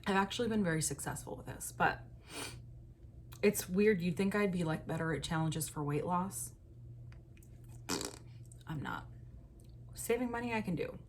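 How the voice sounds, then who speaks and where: A woman's voice: on the low side, normal speed, pauses often, a little hiss or hum. A woman, chatting casually and rambling through money-saving tips in a lifestyle vlog. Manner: chatty, rambling, self-deprecating, fillers like "like". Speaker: lifestyle vlogger.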